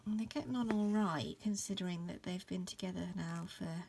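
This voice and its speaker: Hay fever leaves this thirtysomething embroidery teacher croaky and gravelly as she talks through a casual stitch-along in an upstairs room at home. She speaks at a normal speed with a fairly low pitch, relaxed and meandering, full of ums, fillers and restarts, while a faint hiss sits in the background.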